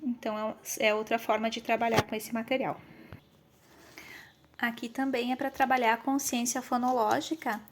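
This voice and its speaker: Brazilian lady showing off classroom kits on her phone, kinda high voice, chatty explainer. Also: flat delivery, a little hiss or hum. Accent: Brazilian Portuguese. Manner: explanatory, frequent tag questions, counts aloud slowly as for children. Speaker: educator showing teaching materials. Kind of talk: casual demonstration of classroom materials. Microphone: handheld phone camera, filming one-handed.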